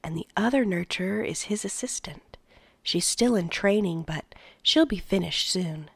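Woman reader as a curious young boy, hushed eager tone. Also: fairly low pitch, normal speed, vocal fry, husky, no room sound. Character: curious, earnest boy watching a screen.

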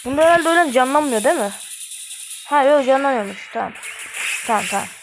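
A woman hosting a gaming channel, giving excitable, slangy live commentary and trash-talking the game as she plays. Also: sits high, fast talker. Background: game music.

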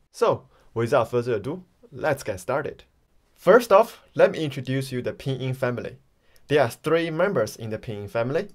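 A man teaching Mandarin pronunciation in an online lesson, friendly and encouraging, speaking slightly non-native English and drilling sounds slowly for learners to repeat. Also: medium pitch.

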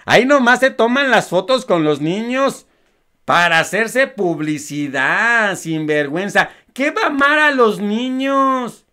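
A man's voice: sits high, animated, unhurried, sharp tone, smooth. A man with a Mexican Spanish accent giving sarcastic, scornful commentary on a video clip, laughing often. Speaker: news commentary host. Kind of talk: mocking commentary over a played clip.

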